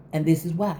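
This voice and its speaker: A woman's voice: lowish voice, dark tone. A middle-aged woman vlogger chatting casually and candidly to viewers, emphatic, repeating phrases and acting out quotes. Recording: faint background noise.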